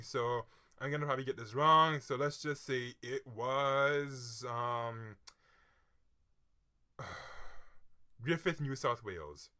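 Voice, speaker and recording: A man with a very bright, sharp voice, reading quiz questions and musing over his guesses in a casual, chatty way. He mutters asides and teases himself, and his voice keeps a tense, forceful edge even when he drops low. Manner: chatty, self-mocking guesses, quick mutters and sudden excited outbursts. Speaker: quiz vlogger. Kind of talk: casual thinking aloud while reading a quiz.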